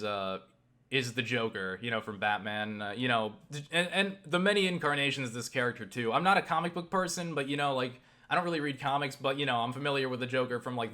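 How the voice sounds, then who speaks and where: Speaking with bright force at an average pitch, this man vlogs unscripted and rambling. He interrupts himself constantly, loops back with "you know" again and again, and swears in a casual way.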